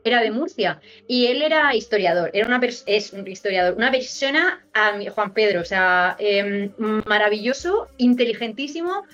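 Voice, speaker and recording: A woman Spanish teacher chatting as a podcast guest, telling stories in an animated way with many restarts. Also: medium pitch, moderate pace, hardly any pauses, dull audio. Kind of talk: casual chat.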